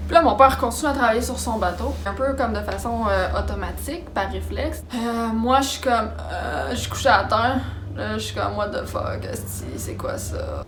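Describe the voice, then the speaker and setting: A young woman with a Québécois accent telling a story in a casual, animated, dramatic way. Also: fairly high pitch, normal speed, slight background noise. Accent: Québécois French. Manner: animated, dramatic, acts out sounds and quotes. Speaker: vlogger. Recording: roomy echo with background music.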